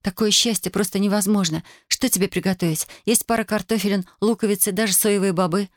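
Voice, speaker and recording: A woman's voice: mid-range voice, fairly even intonation, a little fast, no echo, clean studio sound, close to an everyday voice. A woman reading aloud, voicing a young wife who talks in a pleading, breathless, tender way.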